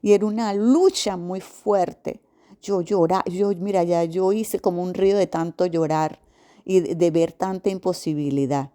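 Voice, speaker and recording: A middle-aged woman with a Venezuelan accent giving a personal testimony, animated and acting out the voices of the people in her story. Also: lowish voice, measured pace. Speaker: testimony giver.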